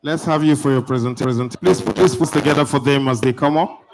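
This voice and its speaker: A man at a mid pitch emcees a housing exhibition from the stage. He is brisk and pushes speakers along, talking into a handheld microphone in an event hall. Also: noisy background. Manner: brisk, hurrying presenters along. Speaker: event host.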